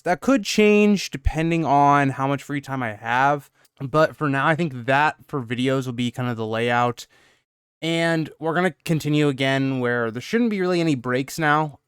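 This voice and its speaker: A young male channel host talks casually about his plans, still out of breath from working out. His voice is exceptionally clean and smooth, recorded dry and close with no room sound. He rambles along, padding his sentences with "um" and "kind of". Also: mid-range voice, no room sound. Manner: loose and rambling, full of "um" and "kind of" hedges. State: out of breath after a workout. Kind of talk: casual channel update talk.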